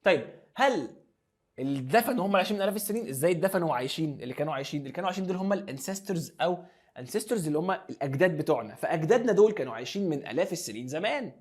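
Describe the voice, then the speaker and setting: Egyptian guy teaching english words, quick and a bit high, switches arabic and english a lot. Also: expressive. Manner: drills pronunciation, mixing Arabic and English. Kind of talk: classroom lesson explanation.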